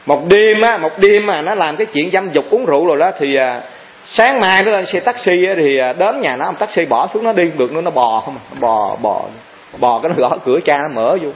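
A man's voice: fairly high pitch, animated, a little fast. A man, a Buddhist monk giving a dharma talk to fellow monks, who keeps asking his listeners rhetorical questions. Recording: dull lo-fi recording.

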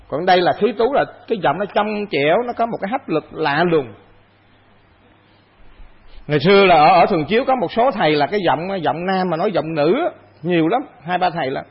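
A Buddhist monk teaches an assembly in a high, gravelly voice, posing rhetorical questions and answering them himself. The sound is husky and comes through a dull, lo-fi recording. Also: male voice, expressive, a little fast. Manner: conversational, rhetorical questions, repeats phrases. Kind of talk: dharma talk to monastic assembly.

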